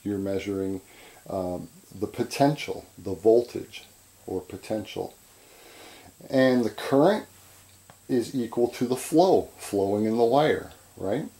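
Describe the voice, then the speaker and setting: A man giving an informal chalkboard lecture as an instructor, halting and repetitive, often checking in with "right?". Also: lowish voice, animated, dark tone, rough recording. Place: indoors at a chalkboard.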